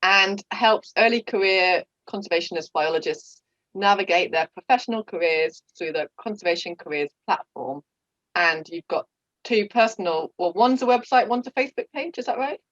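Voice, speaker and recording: A woman's voice: medium pitch, normal speed, a bit bright, no echo. A woman in her thirties hosting a casual interview, friendly and giggly, with frequent fillers. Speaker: podcast host. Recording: dull, dry lo-fi audio.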